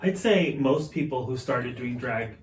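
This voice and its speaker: A man's voice: medium pitch, expressive, a little slow. Male interviewer in an echoey room. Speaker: interviewer reading out questions. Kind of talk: casual interview chat. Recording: echoey room, distant mic, faint noise.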